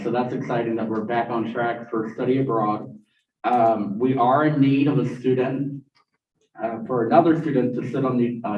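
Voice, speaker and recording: A young man giving a student government report in a casual, joking way with many "uh" fillers. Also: mid-range voice. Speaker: student government officer for academic affairs. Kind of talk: meeting report. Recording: muffled, echoey room, distant mic.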